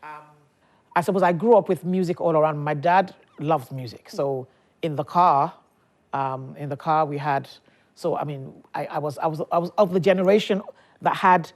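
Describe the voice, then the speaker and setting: A Nigerian woman pastor in her fifties chats as a guest in a casual interview, laughing often and restarting her sentences. She has a low voice and speaks at normal speed.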